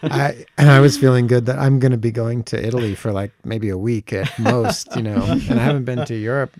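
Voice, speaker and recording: Gravelly-voiced male interview host. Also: medium pitch, brisk. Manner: relaxed, affirming, easygoing. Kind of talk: casual interview chat.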